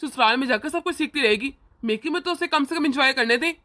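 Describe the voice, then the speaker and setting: A doting older brother reassures and indulges his sister, played by a woman. The voice is high and bright. It is a homemade family drama. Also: fast. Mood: indulgent.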